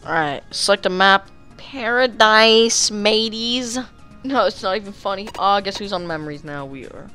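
A woman's voice: mid-range voice, fast talker, few pauses, pushed and bright, faint music behind. A woman chatting casually and playfully with a friend while they play a video game, often breaking into giggles. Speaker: gamer.

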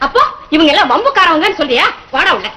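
A woman's voice: very high-pitched, sing-song, fast, very noisy. A stern, scolding mother. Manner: scolding, forceful. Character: stern young mother scolding her mischievous son.

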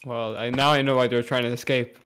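A man's voice: mid-range voice, flat delivery, brisk, a bit bright, faint music behind. A man in his twenties chatting casually while gaming on a stream, joking and teasing with friends. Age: 20s. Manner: joking, laughs often, teasing.

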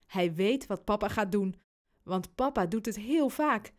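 Slow, expressive woman reading a storybook. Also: medium pitch. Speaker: audiobook narrator.

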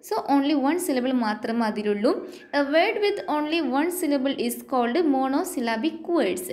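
A woman with a Malayali accent teaching an exam-prep lesson. She dictates definitions slowly and asks the viewer check questions. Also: high-pitched, darkish tone. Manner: slow English definitions dictated, then explained. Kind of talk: exam-prep lecture mixing Malayalam and English.

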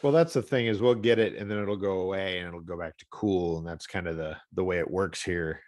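A man's voice: deep voice, steady tone, brisk, darkish tone, no room sound. A man in his forties co-hosting a podcast, congested from allergies, chatting casually and restarting his phrases as he rambles. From Pacific Northwest. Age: 40s. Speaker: podcast co-host. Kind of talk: casual chat.

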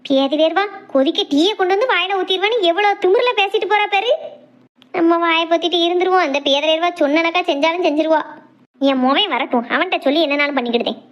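Spiteful elderly mother-in-law, very high and muttering, voiced by a woman for a cartoon. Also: fast, muffled recording. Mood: grumbling. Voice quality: muttering, scornful. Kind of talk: animated comedy voice acting.

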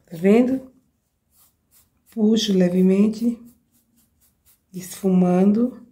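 Speaking very slowly in a mid-range voice, a Brazilian woman with a cold, hoarse and mellow, shows a craft project step by step from her indoor work table at home. She hosts the tutorial in a chatty way with a Brazilian Portuguese accent, repeatedly turning to her viewers to check in.

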